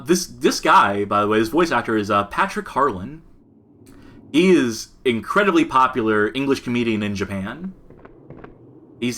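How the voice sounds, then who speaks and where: A man's voice: mid-range voice, pushed and bright. A man co-hosting a podcast, giving casual commentary as he plays a game and explaining its mechanics in detail. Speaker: podcast co-host. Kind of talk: casual commentary over gameplay.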